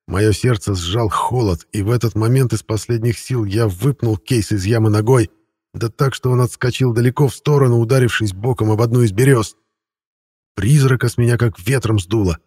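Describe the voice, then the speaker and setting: A man narrating an audiobook in the first person with a wry, even storytelling manner. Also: mid-range voice, breathy edge, dry recording, studio quality.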